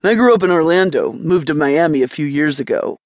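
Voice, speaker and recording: A woman's voice: low-pitched, animated, a little fast, a little mellow, no room sound. Woman voicing laid-back outdoorsy young man. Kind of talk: audiobook character voice.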